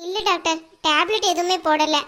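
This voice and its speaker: A weary young daughter-in-law in a cartoon, voiced by a woman, meek and soft-spoken. The voice is very high and bright. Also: moderate pace. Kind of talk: cartoon voice acting.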